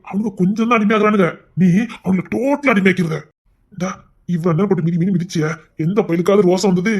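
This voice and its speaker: A woman acting as a devoted young husband who teases his wife and then pleads his love in a soft voice. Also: medium pitch, fast talker, breathy edge, close to an everyday voice. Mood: teasing. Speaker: actor in a romantic couple skit. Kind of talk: acted romantic dialogue.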